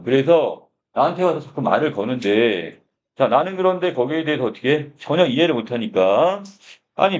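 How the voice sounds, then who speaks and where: A man's voice: medium pitch, a little mellow. A male literature teacher explaining a short story in a lecture. He opens phrases with a repeated filler and asks questions that he answers himself. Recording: dull lo-fi sound.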